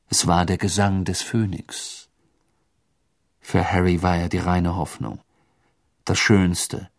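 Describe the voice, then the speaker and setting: A man with a low voice reads a storybook aloud as narrator, expressive and dramatic. The sound is dry and close, with no room around it. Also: vocal fry, no echo. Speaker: audiobook narrator.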